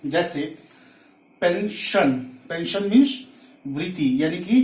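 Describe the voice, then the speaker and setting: A teacher giving a phonics lesson, explaining step by step and spelling words out letter by letter. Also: medium pitch. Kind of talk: classroom-style phonics lesson. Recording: echoey room, mic at a distance.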